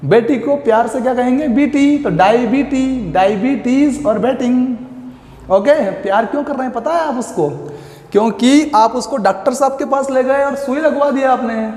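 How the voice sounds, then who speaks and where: A man teaching an exam coaching class, playful and drawn-out, repeating key words slowly as memory tricks. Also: very high voice, a little mellow. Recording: echoey long-reverb room.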